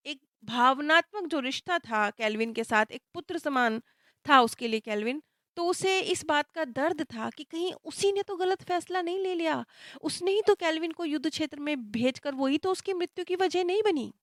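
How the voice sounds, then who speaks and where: A woman narrating a past-life story in a calm, explanatory way, with slow, reflective pauses. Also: high voice, dry recording, studio quality. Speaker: spiritual storyteller.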